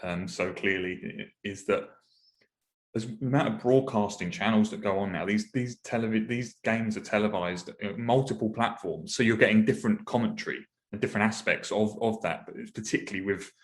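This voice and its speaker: A man's voice: fairly low pitch, a little fast. A man co-hosting a football podcast, talking in a thoughtful, hedging way. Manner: thoughtful, hedging, laughs easily. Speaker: podcast co-host. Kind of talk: casual podcast chat.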